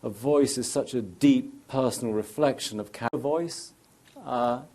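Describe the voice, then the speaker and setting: A man giving a reflective interview answer, hesitant and full of pauses and fillers. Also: mid-range voice, warm tone. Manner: hesitant, lots of ums and uhs.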